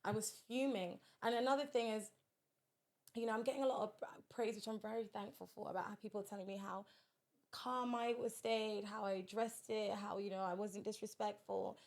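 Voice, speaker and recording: A woman's voice: medium pitch, steady tone, a little fast, a little mellow. A woman, a podcast guest, telling a personal story in a direct, earnest way in casual conversation.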